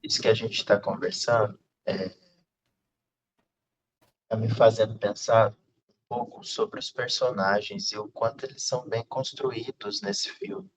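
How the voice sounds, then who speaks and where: A man hosting a casual film discussion, speaking in a thoughtful, unhurried way with frequent fillers. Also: lowish voice, fairly even intonation. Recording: slightly dull lo-fi sound.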